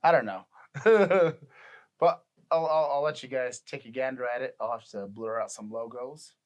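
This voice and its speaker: A man's voice: mid-range voice, normal speed. A man in his thirties co-hosting a casual podcast, rambling and laughing often. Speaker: podcast co-host. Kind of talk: casual chat.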